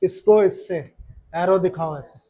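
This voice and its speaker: एक पुरुष शिक्षक कक्षा में छात्रों को पढ़ा रहा है, बार-बार सवाल पूछता है और मज़ाक में छेड़ता है।. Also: male voice, sits high, unhurried, warm tone. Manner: chatty, keeps asking questions, teasing. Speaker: teacher. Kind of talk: classroom lesson to students. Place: classroom.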